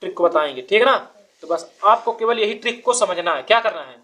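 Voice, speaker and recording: A woman's voice: medium pitch, expressive, brisk, a bit bright. A woman teaching a child to count, patiently asking quiz questions and counting numbers aloud step by step.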